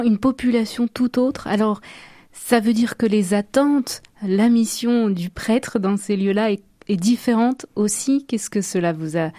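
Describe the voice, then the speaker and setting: A woman hosting a radio interview, asking gentle, measured questions. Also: medium pitch, dry recording, clean studio sound.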